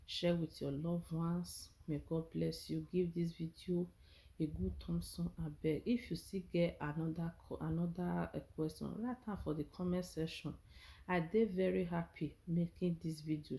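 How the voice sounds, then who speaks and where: With a steady, dark, creaky and lowish voice at a moderate pace, a Nigerian-accented woman vlogs casually in Nigerian Pidgin about her experience. She comes across as earnest and encouraging, frequently checking that viewers are keeping up.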